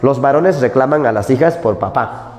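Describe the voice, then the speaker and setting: A man's voice: mid-range voice, lively intonation, normal speed, a little mellow. A man teaching a literature class, talking animatedly and constantly checking in with his students. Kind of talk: prep-school lecture. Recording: long hall reverb.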